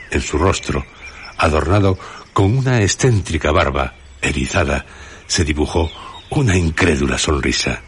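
A man narrating a radio drama in a measured storytelling voice. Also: very deep voice, slight background noise. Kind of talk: scripted narration. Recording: faint outdoor ambience with birds and insects.

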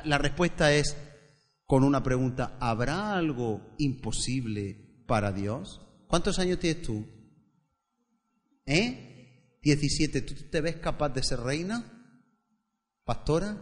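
Higher-pitched pastor in reverberant hall. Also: male voice. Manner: stammers on repeated words, builds to emphatic preaching. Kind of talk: sermon with opening prayer. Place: church hall. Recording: long church-hall reverb.

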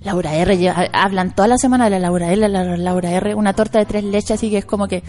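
A woman's voice: mid-range voice, fast talker, mellow, slight background noise. Chatty Chilean woman, slangy and jokey. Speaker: co-host, actress promoting her play. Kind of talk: casual radio chat.

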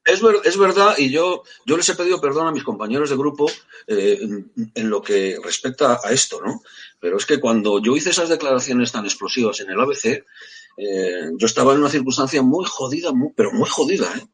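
A husky-voiced man, talking as a guest in a casual round-table chat. He is emphatic and repetitive, circling back to the same words with plenty of fillers. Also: medium pitch, animated, fairly quick. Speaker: guest, rock musician. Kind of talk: casual talk-show chat.

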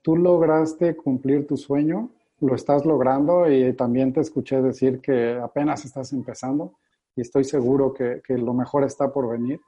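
A man's voice: mid-range voice, fairly even intonation, moderate pace, dark tone, slightly rough. A man hosting a podcast, encouraging his guest with long, talkative questions. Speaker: podcast host. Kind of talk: interviewing. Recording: dull lo-fi audio.

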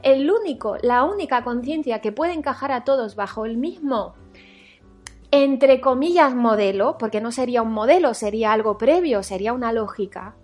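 High-voiced woman giving a reflective talk. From France. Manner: animated, acts out inner voices, checks in with the listener.

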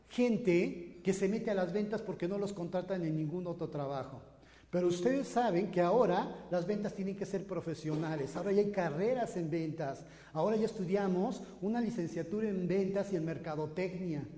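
A man's voice: sits high, warm tone. Mexican man lecturing in an echoey hall. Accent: Mexican Spanish. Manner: theatrical, acts out voices and echoes, jokes with the audience. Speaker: motivational sales speaker. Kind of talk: live motivational lecture.

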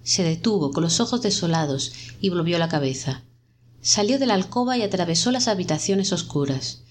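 A woman reading a short story aloud in a measured, dramatic narration. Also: fairly low pitch, animated, slight background noise. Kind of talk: scripted audiobook narration.

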